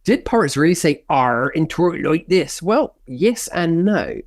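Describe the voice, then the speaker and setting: Animated, jokey male co-host. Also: fairly high pitch, measured pace, gravelly, no room sound. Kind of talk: presenting a history show.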